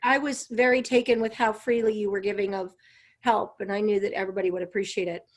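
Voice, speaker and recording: A woman's voice: mid-range voice, fairly even intonation, fast. A woman hosting a group Q&A, chatting in a friendly, casual way over a video call.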